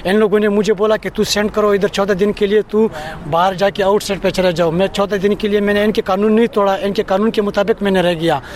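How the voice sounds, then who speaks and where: A man's voice: high voice, steady tone, fast talker. A man in his twenties from Afghanistan, a native Pashto speaker, earnestly pleading about his hardships in a street interview. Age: 20s.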